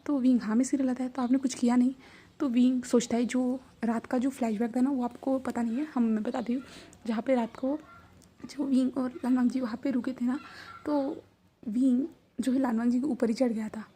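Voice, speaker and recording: Soft-spoken woman retelling a romance story. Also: fairly high pitch, husky. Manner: soft, half-whispered, rambling retelling.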